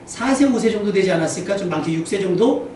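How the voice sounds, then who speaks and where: Man, pastor, animated humorous sermon, high voice, heavy church echo, distant mic, faint hiss. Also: fast talker. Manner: animated, humorous, acts out quotes. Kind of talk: lively sermon. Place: church sanctuary.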